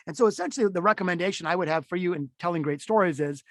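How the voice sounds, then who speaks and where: A middle-aged man with a fairly high voice teaches a webinar in an easygoing talk full of fillers and restarts. He lets his pitch climb and drop to demonstrate, and the recording sounds close and dry with no room around it. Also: rapid-fire, no echo. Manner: animated, swings voice up and down to demonstrate; conversational with frequent fillers and restarts. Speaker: keynote speaker teaching a webinar.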